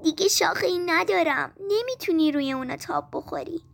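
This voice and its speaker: A woman voicing a gentle, loving old tree in a storybook reading, speaking softly and tenderly. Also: very high-pitched, vocal fry. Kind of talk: storybook narration.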